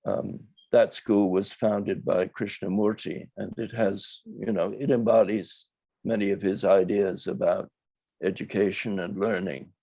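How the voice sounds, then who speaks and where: An older man, a documentary filmmaker, talks reflectively in an interview, choosing his words in a thoughtful, measured and hesitant way. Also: on the low side, fairly even intonation, mellow, slightly rough, no echo, low-quality recording.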